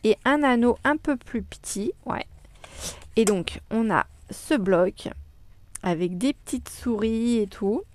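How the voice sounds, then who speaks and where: A woman's voice: on the high side, takes it slowly, slight background noise. A woman chatting casually in a crafting vlog at her home desk, cheerful and enthusiastic, with frequent hesitations and filler sounds. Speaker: crafting vlogger.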